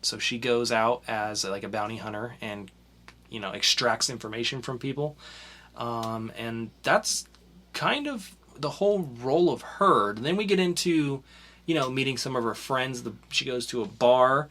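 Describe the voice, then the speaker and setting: Here a young man reviews comics as a podcast co-host, talking casually and wandering through his thoughts with frequent fillers and restarts. His medium-pitched voice sounds pushed and bright, delivered at a moderate pace.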